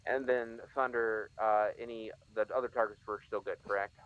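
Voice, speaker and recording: A man working as a ground fire controller, making calm, procedural calls for fire over radio comms. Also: fairly low pitch, normal speed, smooth, lo-fi sound. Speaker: ground fire controller in a military simulation game. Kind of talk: military radio chatter.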